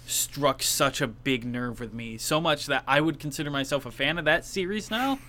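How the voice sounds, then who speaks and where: A man's voice: medium pitch, moderate pace, pushed and bright, a little hiss or hum. A man co-hosting a casual podcast about video games. He talks candidly, with enthusiastic asides and casual swearing. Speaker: podcast co-host. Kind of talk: casual game-awards discussion.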